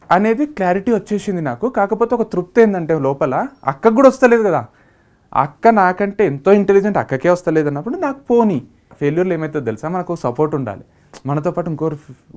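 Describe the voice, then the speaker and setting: A man with a Telangana Telugu accent, a startup founder telling a personal story in a lively way and acting out what his family said. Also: high voice. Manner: lively, acts out family members' quoted lines.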